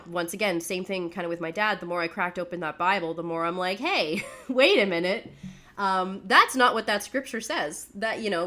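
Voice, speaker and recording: A young Canadian woman co-hosts a podcast, telling her life story candidly and chattily and often laughing at herself. Her voice is on the low side, pushed and bright.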